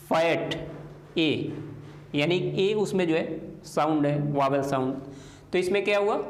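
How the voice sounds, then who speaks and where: A male teacher walks through a grammar lesson at an unhurried, step-by-step pace. His voice sits a little high for a man, and he spells words out letter by letter. The recording carries a noticeable room echo. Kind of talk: explaining English grammar in a lesson.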